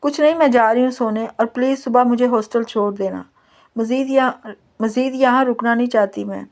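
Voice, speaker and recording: A woman reading the part of a hurt, quick-tempered young bride in her own voice. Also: a little high, darkish tone, close to an everyday voice. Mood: angry.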